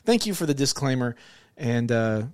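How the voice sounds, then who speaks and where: A man's voice: medium pitch, sing-song, moderate pace, a little mellow, no room sound, clean studio sound. Man in unscripted, casual podcast chat. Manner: jokey, addresses listeners directly. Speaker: podcast co-host.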